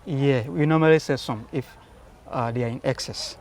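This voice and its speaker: A man on a school farm calmly explaining how the crops are grown, recorded outdoors. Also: medium pitch, moderate pace.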